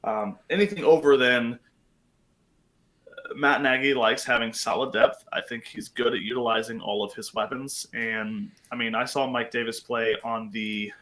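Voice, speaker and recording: A man co-hosting a sports podcast, talking in a chatty, excitable way with many fillers. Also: medium pitch, poor audio. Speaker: podcast co-host. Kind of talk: casual sports chat.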